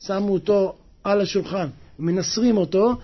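A man preaching a sermon, telling a story dramatically and acting out the quoted lines with rising pitch and cries. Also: breathy edge, muffled recording.

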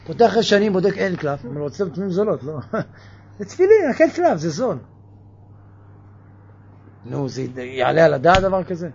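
A man giving a lively religious sermon, firing off mocking rhetorical questions. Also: sits high, creaky, long pauses, husky, highs cut off. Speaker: preacher.

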